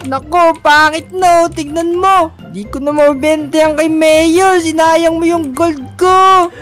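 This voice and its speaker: A greedy young boy hoarding his gold, voiced by a woman, high and bossy in a Minecraft role-play. He scolds and orders people about in a squeaky tone. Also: fairly even intonation, slow, fairly bright tone, soft background music, heavily acted. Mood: scolding.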